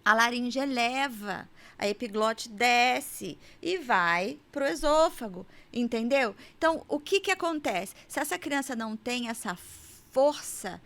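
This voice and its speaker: A Brazilian woman chats as a podcast guest, explaining infant feeding in a fairly high, bright-pitched voice. She tells her stories with animation and acts out what people say. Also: a little slow. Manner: animated storyteller who acts out quotes and laughs often. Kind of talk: casual podcast chat.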